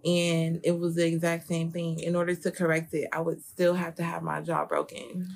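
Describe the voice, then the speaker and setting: A woman's voice: fairly low pitch, completely flat delivery, moderate pace, gravelly, darkish tone. A young adult woman with a slight lisp, chatting casually with frequent fillers as a co-host. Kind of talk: casual couple chat.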